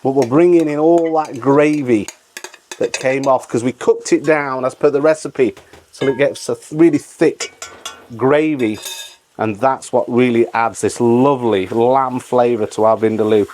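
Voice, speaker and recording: A man's voice: mid-range voice, measured pace, a little mellow, slight background noise. A middle-aged man hosting a casual step-by-step cooking tutorial, repeating phrases for emphasis. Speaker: cooking channel host.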